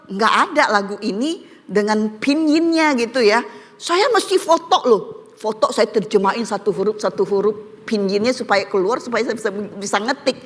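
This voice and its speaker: A middle-aged woman giving a casual church testimony, chatty and laughing often, with many "gitu ya" fillers. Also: fairly high pitch. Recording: long hall reverb.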